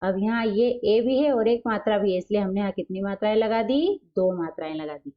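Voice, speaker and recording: Female teacher for a children's grammar lesson, question-and-answer drilling, somewhat muffled recording. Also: mid-range voice. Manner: asks questions and answers them herself, drawn-out example words.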